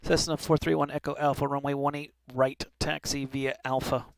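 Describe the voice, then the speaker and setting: Man, clean crisp tone with vocal fry, air traffic controller delivering clipped clearances. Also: mid-range voice, level tone, moderate pace, dry recording. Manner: informal asides amid formal instructions. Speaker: air traffic controller in online flight simulation.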